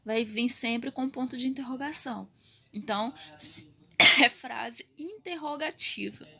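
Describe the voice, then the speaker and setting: A woman's voice: fairly high pitch, a little slow, gravelly, sharp tone, breathy edge. A woman teacher giving a recorded grammar lesson to young children, explaining step by step and checking in often with her pupils. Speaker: primary school teacher.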